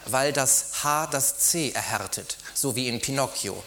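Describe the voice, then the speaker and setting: A pedantic know-it-all boyfriend, as the narrator plays him, keeping close to a plain male voice at a middling pitch. He talks down in a patronizing, correcting way, over faint noise. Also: unhurried, sharp tone.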